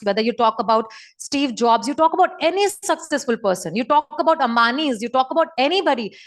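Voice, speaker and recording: Brief: middle-aged Indian woman, fairly high voice, emphatic motivational coach on a video call, repeats herself for impact. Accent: Indian English. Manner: emphatic, repetitive, coaching tone, drops into Hindi phrases. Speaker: direct-selling team leader speaking to her network.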